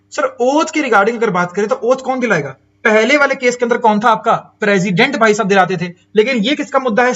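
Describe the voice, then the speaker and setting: A man with an Indian accent teaching an exam-prep lecture, asking and answering his own questions in a chatty way and drawling key English phrases slowly. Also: sits high, a bit bright, muffled recording.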